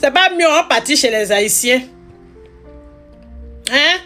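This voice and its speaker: A woman's voice: high-pitched, expressive, takes it slowly, sharp tone, faint music behind. A woman from Ivory Coast hosting a live stream, teasing and scolding her viewers with much repetition. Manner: scolding, playful, repeats phrases.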